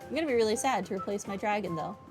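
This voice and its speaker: Over music, a young woman streams a game playthrough, chatting casually and reading the game's text aloud. She speaks rapid-fire in a medium-pitched voice.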